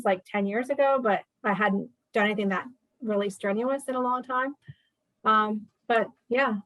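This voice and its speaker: A woman's voice: on the high side, fairly bright tone, no echo, rough recording. A woman in her fifties, a guest chatting casually in an interview, talking with many fillers and restarts. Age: 50s.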